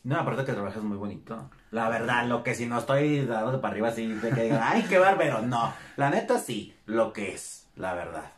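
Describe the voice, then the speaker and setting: A man with a Mexican accent interviewing a guest in a relaxed, slangy way. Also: on the low side, normal speed, hardly any pauses. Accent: Mexican Spanish. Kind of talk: casual interview. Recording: echoey room.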